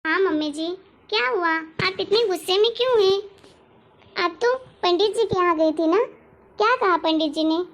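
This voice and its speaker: A woman voicing an eager, cheerful teenage niece in an animated family story. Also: extremely high pitch, moderate pace. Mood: lively. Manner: eager, agreeable.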